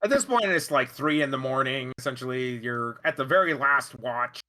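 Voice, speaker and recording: A man improvising narration as game master, halting as he searches for words. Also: medium pitch, expressive, crowd noise.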